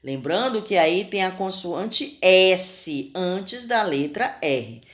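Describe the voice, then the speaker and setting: A woman's voice: on the low side, animated, takes it slowly. A woman teacher with a Brazilian Portuguese accent, giving a recorded spelling lesson to children and carefully sounding out letters and syllables.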